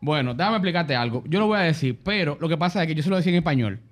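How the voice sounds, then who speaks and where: A man's voice: a little high, animated. A man with a Dominican accent, chatting casually in a joking way and mimicking how others talk. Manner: rapid, jokey, mimics others. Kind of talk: casual chat.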